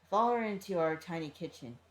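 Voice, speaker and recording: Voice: medium pitch, animated, quick pace, fairly bright tone. A fan reading a first-person fanfiction aloud in a casual style, often tripping over words and breaking off for offhand asides. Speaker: fanfiction reader. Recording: roomy with faint background noise.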